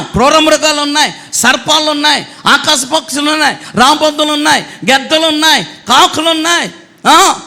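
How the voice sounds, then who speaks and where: A bold prophet scolds his listeners and declaims a long list that climbs higher as it goes, as a preacher acts him out. The voice is high and bright and rings through a reverberant hall. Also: creaky, full character voice.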